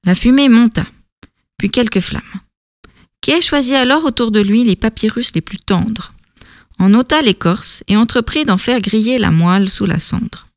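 A woman narrating a storybook in a calm, measured reading voice. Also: a little high, no room sound, studio quality.

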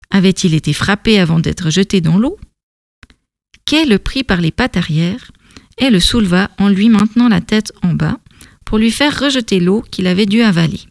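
A woman narrating a storybook in a calm, measured reading voice. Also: mid-range voice, gravelly, no echo, clean studio sound.

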